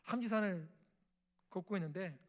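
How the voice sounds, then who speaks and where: A middle-aged male missionary, speaking in a high voice at normal speed, preaches an emotional testimony sermon in a church sanctuary, acting out family dialogue and prayers. The audio sounds dull.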